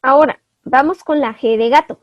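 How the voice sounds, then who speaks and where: A woman's voice: sits high, normal speed, dry recording, highs cut off. A woman teacher giving an online class, explaining step by step, spelling out syllables and often asking her students for confirmation.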